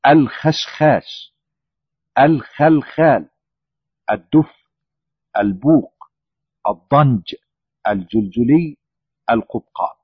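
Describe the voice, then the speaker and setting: A man reading out a lecture on words, slowly and deliberately, lifting his voice on each listed word. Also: medium pitch, slightly rough, no room sound. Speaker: language lecturer. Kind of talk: scripted reading of a lexical lecture. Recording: dull lo-fi dry recording.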